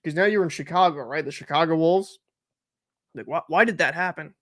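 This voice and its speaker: Young male streamer, slightly high voice, casual rambling chat and play-by-play. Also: fairly quick, a bit bright. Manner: chatty, joking, answers live chat, loose and rambling. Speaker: livestream host. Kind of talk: casual watch-party chat and commentary.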